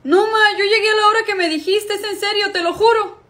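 A woman's voice: very high voice, fairly even intonation, a little fast, pushed and bright. A woman playing an earnest, indignant teenage boy who pleads and protests in a comedy skit. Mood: defensive. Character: indignant, earnest teenage boy, put-upon younger brother.

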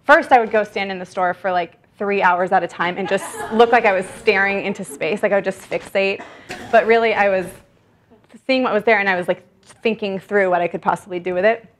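A woman's voice: medium pitch, fairly even intonation, fairly quick. Chatty woman author showing produce. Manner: chatty, gestures while talking, shows produce. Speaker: guest author. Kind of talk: casual talk at a library event. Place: library event room, indoors.

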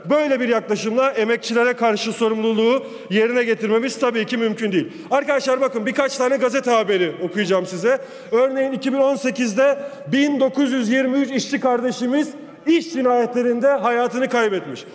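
A man addresses a large chamber from a rostrum pulpit microphone, his voice pitched high for a man. He builds emphatic, repetitive lists with oratorical force. A long hall reverb trails each phrase. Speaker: member of parliament. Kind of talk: parliamentary floor speech. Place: parliament chamber, speaking from the rostrum.

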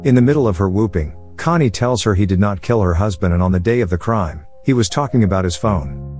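A man reading a scripted movie recap as narrator, with a steady, even storytelling delivery. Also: fairly low pitch, fast talker, faint music behind.

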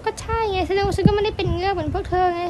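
A woman's voice: extremely high pitch, fairly even intonation, racing, noisy background. A female performer voicing a curious, anxious girl who was raised human and finds she is a mermaid, in amateur story role-play full of exclaimed questions. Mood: baffled.

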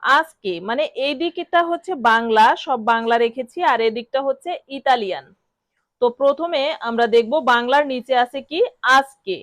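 A woman with a Bengali accent, teaching a vocabulary lesson and repeating each word slowly for learners to copy. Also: a little high, expressive, fairly bright tone, no room sound. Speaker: language teacher. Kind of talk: instructional lesson.

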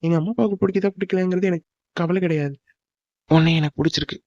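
A man's voice: high voice, steady tone, quick pace, darkish tone, no room sound. A man voicing Hari, an earnest young lover. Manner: pleading, soothing. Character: earnest young man in love, tender and reassuring. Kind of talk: cartoon drama voice acting. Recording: dull lo-fi dry recording.

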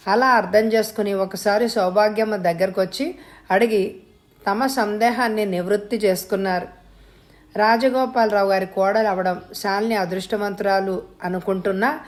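A woman narrating a family story as an audiobook reader, with even, measured delivery. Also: mid-range voice.

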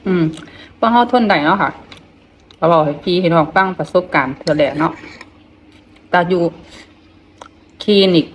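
Mouth full, a middle-aged vlogger with an Isan accent chats animatedly as she eats, her low-leaning voice halting, with repeated phrases and murmuring between them. A little hiss or hum runs under the recording.

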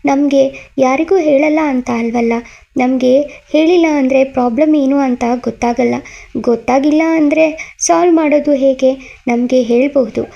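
A calm young man who has finally lost his patience lectures a friend in a reproachful tone, as a woman reads him out. The voice is high and very gravelly, with a mellow, dark tone. The recording is dull and lo-fi. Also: moderate pace. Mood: earnest reproach. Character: patient young man, suddenly angry defender.

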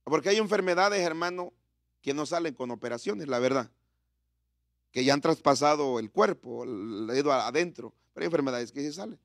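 A man's voice: a little high, expressive, normal speed, no echo, clean studio sound. A middle-aged man preaching a sermon in church, talking conversationally and firing questions at the congregation.

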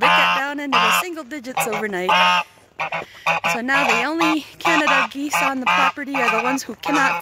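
A woman's voice: high-pitched, heavy background noise. A woman vlogging outdoors on a farm, talking to her pet goose in cooing baby talk and chuckling often. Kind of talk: casual outdoor vlog with pet geese. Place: outdoors on a cold farm property. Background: geese honking.

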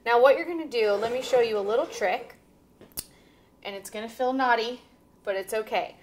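Speaking at normal speed in a voice on the high side, a woman in her thirties runs a casual cooking demo from her home kitchen as host and teacher, chatty, upbeat and laughing a lot. A little hiss or hum sits under the recording.

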